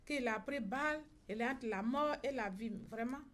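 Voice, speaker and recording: A woman's voice: on the high side, normal speed, a bit bright, a little hiss or hum. A middle-aged woman with an Ivorian French accent, a mother recounting events at a press conference and acting out the dialogue she reports. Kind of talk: personal account at a press conference.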